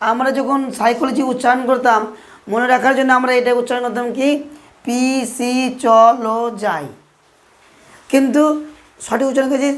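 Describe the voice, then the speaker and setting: A man teaching English pronunciation in a video lesson, slowly spelling out letters one at a time. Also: very high-pitched.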